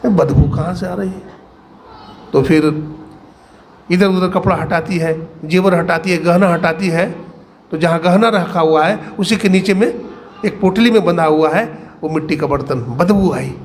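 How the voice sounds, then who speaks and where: A middle-aged spiritual teacher, telling a parable in a folksy sermon and slipping into the voices of the people in it. His voice sits a touch high for a man. A faint hum of the gathering runs underneath. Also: moderate pace. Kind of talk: storytelling sermon. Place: satsang gathering hall.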